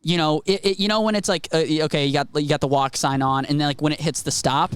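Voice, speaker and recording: A man's voice: on the high side, fairly even intonation, quick pace, smooth, dry recording. Rowdy teasing man, dry close mic. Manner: rowdy, teasing, says "dude" constantly. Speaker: podcast co-host. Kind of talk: casual comedy podcast banter.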